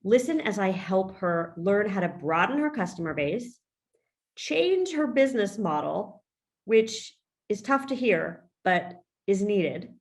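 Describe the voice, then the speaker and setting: A woman hosting a business podcast interview, upbeat and emphatic, now and then saying "y'all". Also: medium pitch. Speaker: podcast host and business coach.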